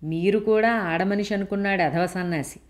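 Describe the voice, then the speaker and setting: A woman's voice: mid-range voice, normal speed, close to an everyday voice. A woman voicing a rustic man in a crowd who talks coarsely and jeeringly.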